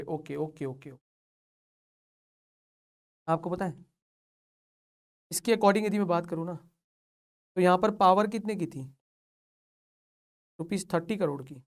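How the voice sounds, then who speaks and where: Excited high-voiced male teacher. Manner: excited, playfully scolds students, mixes Hindi and English. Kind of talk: animated online lecture.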